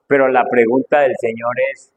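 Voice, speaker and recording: A middle-aged man preaches fervently at a moderate pace, his tone generally level, yet his voice swings widely in pitch and loudness as he fires one rhetorical question after another at the congregation. The audio is narrow and tinny, with slight background noise.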